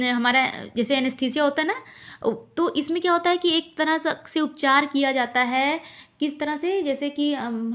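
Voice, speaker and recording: High-voiced woman teaching hard words. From India. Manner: patient, repeats each word and meaning, many pauses and fillers. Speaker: English vocabulary teacher. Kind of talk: vocabulary lesson, spelling words letter by letter.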